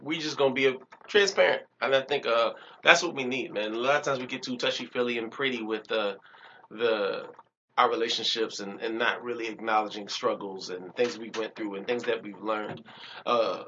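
A man's voice: mid-range voice, fairly even intonation, normal speed, sharp tone. A man co-hosting a casual podcast, talking in a loose, reflective way. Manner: reflective, loose, playful with repeated catchphrases. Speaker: podcast co-host. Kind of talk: casual chat. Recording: dull lo-fi audio with faint noise.

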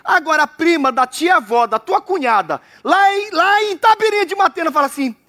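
A man from Brazil preaching a lively sermon, acting out the voices in the story. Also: very high-pitched, brisk. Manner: animated, acts out characters in quotes. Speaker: pastor. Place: church abroad.

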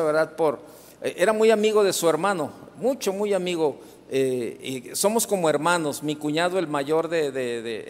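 A middle-aged man with a Mexican accent preaching a sermon, telling a story with many restarts and asides to the congregation. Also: a little high. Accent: Mexican Spanish. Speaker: pastor. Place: church hall. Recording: reverberant church hall.

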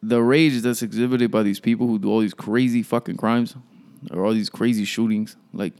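A man's voice: on the low side, steady tone, normal speed, darkish tone, clean tone. A young man, ranting casually and profanely as a podcast host, full of "like" and "yo.". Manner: profane, rambling, frequent "like" and "yo".

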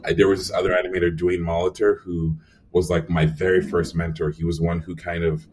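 Deep-voiced young man telling animated stories. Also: fairly quick, recorded from a distance, a little hiss or hum. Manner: animated storyteller, acts out quotes, frequent fillers. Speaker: animation supervisor guest. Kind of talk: casual storytelling interview.

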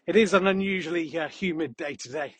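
A podcast host with a slightly high, breathy-edged voice talks a little fast in a casual, rambling monologue while walking a country path outdoors. He is out of breath and throws in dry, jokey asides.

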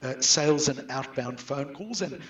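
A middle-aged man with a South African accent talks at normal speed and medium pitch, responding conversationally to interview questions as a guest business expert in outsourcing. The room echoes noticeably, and he is positioned away from the microphone.

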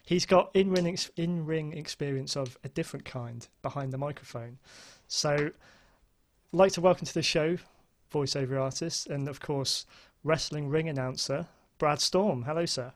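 Higher-voiced southern British male podcast host. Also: normal speed. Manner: hesitant, rambling, enthusiastic. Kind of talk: casual interview chat.

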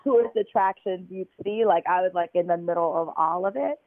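Speaking briskly in a lowish voice, an American woman shares her story as an interview guest on a call. Her talk is chatty and packed with fillers, captured dry over a tinny phone line.

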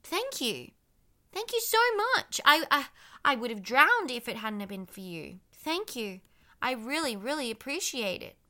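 A woman's voice: high-pitched, sing-song, a little slow, pushed and bright, exaggerated voice. A woman voicing a brave, polite young girl in a children's story, speaking in a pleading, courteous way. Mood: grateful.

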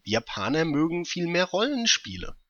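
A man's voice: a little high, sing-song, normal speed, bright, forceful tone, no echo, highs cut off. A man co-hosting a casual gaming podcast, explaining his points through hypothetical scenarios. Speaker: podcast co-host.

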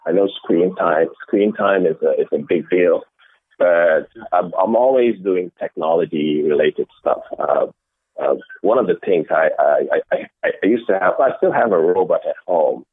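A middle-aged man from the Netherlands answering interview questions in a measured way, often restarting his sentences. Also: low voice, expressive, husky, dry recording. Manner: measured, with frequent restarts and fillers. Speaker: interview guest, innovation executive. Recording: dry, tinny phone-like call audio.

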